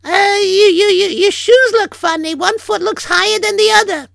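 Acting in full character voice for a comic radio play, a woman plays a sharp-tongued, practical old-world wife who nags and points out every fault. Her voice sits very high, bright and sharp with heavy crackling fry, recorded dry and close with no echo at normal speed.

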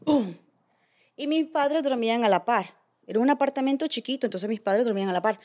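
A woman on a podcast panel telling a scary personal story in a casual, animated way, dropping in English phrases. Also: a little high, brisk.

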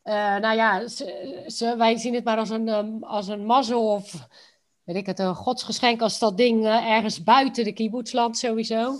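A woman's voice: on the high side, fairly even intonation, moderate pace. A woman from Rotterdam with a Rotterdam Dutch accent, answering interview questions in a casual, colloquial way. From Rotterdam, Netherlands. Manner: informal and colloquial. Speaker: interview guest.

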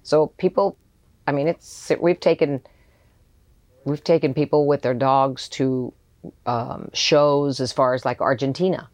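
Her bass voice is unhurried and free of echo as this middle-aged charter company owner chats casually as a podcast guest. She grew up abroad and has settled in Houston. An animated storyteller, she frequently laughs and performs the remarks she quotes.

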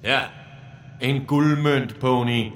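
A man's voice: medium pitch, steady tone, natural voice. An actor playing a solemn male herald of death, announcing in a pompous, theatrical way. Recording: echoey room with faint noise.

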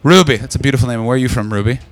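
A man doing stand-up crowd work, brash and profane, teasing the audience and breaking into loud shouts. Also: mid-range voice, very fast. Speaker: stand-up comedian. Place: London comedy club.

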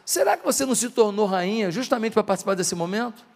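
A stern older counselor presses a queen to act, voiced by a preacher in his sermon. The delivery is slow, solemn and questioning, with a high-pitched voice. A long reverb rolls through the room. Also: expressive, creaky.

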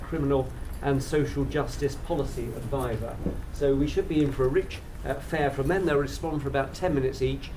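Guy chairing a formal evening event, measured and polite, bit far from the mic, faint background noise. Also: mid-range voice.

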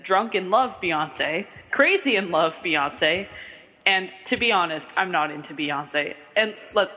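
Casual podcast guy in his twenties, laughs a lot, a bit high-pitched, dull muffled sound with room echo. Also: expressive, measured pace. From Kentucky. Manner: giggly, upbeat, laughs between lines. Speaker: podcast host. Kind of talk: casual chat. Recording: muffled audio, long room reverb.

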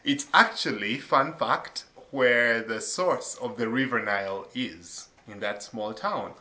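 Here the Ugandan associate pastor, a man in his thirties, talks slowly in a medium-pitched voice during a faith interview. His testimony is earnest and warm, full of ums and uhs, captured in lo-fi, reverberant sound.

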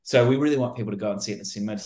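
A man's voice: fairly low pitch, racing, mellow, roomy sound. A man with an Australian accent, a film director guest, talking eagerly about his film's release. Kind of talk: casual interview.

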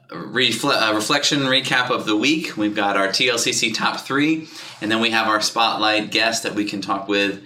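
A man hosting a church podcast, chatty and energetic, laughing often and a little out of breath. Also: medium pitch, roomy sound. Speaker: podcast host and pastor. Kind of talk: casual chat. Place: church studio.

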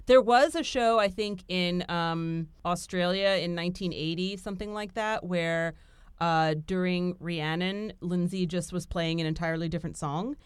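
A woman hosting a podcast, telling stories in a lively casual chat with lots of fillers. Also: on the low side, normal speed, clear, resonant tone, dry recording. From Italian heritage. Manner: animated, storytelling with frequent fillers. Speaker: podcast host. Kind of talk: casual conversation.

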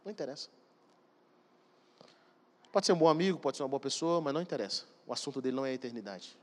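A man's voice: medium pitch, expressive, quick pace. A man preaching a sermon, emphatic and speaking straight to the congregation. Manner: emphatic, addresses congregation directly. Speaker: pastor. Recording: long hall reverb.

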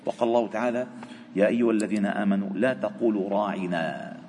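Lebanese sheikh teaching in an echoing mosque. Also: male voice, lowish voice, fast talker, a little hiss or hum. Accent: Lebanese Arabic. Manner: reads the text formally, then breaks into lively colloquial asides. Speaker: sheikh teaching a religious text. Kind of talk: mosque lesson, reading and explaining a classical text. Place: mosque prayer hall. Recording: long reverb of a mosque hall.

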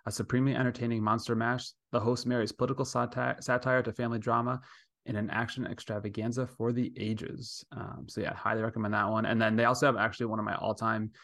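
A man's voice: medium pitch, flat delivery, fast talker, creaky, a bit bright, no room sound, clean studio sound. A man hosting a podcast in a casual, chatty style. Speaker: podcast host.

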